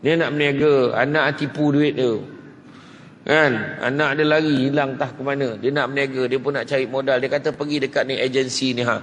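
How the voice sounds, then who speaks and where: A Malaysian man giving a humorous religious lecture in a mosque, chatting with the crowd and teasing them with quick questions. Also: mid-range voice, flat delivery, fairly bright tone. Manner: chatty, teasing, keeps asking the crowd "right?". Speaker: religious preacher. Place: large mosque hall. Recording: echoey hall with faint noise.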